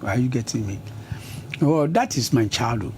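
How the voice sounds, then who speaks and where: Giving a conversational interview, a middle-aged Ghanaian man, a politician, moves back and forth between English and Ga in his Ghanaian accent, naming places one after another at a steady pace. He talks at normal speed with medium pitch over slight background noise.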